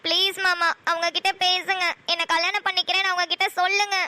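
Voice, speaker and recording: A woman's voice: very high voice, level tone, quick pace, sharp tone, no echo. A woman voicing a lovesick young woman pleading on the phone in a cartoon. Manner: pleading, insistent. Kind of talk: cartoon voice acting.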